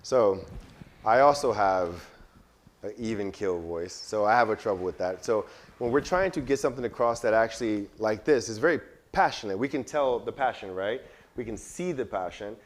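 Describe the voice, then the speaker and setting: A man leading a pitch workshop, coaching students and often checking in with "right?". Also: expressive, normal speed. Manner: frequent "right?" check-ins, encouraging. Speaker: workshop instructor. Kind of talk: coaching feedback in class.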